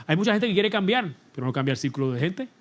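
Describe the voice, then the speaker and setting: Animated pastor preaching. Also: male voice, sits high, fast talker. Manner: animated preaching with laughter and call-and-response. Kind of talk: sermon. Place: church sanctuary.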